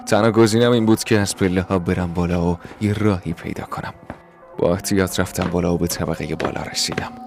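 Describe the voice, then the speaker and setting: Male horror narrator, very deep voice, steady suspenseful telling. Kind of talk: first-person horror story narration.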